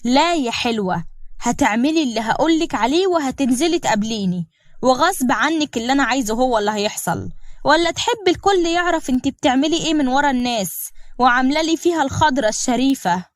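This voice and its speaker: A woman's voice: high voice, lively intonation, quick pace, no room sound, clean studio sound. A woman voicing a manipulative young man with an Egyptian accent, who sweet-talks and then threatens. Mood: menacing. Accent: Egyptian Arabic. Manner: smooth pleading turning to sneering threats.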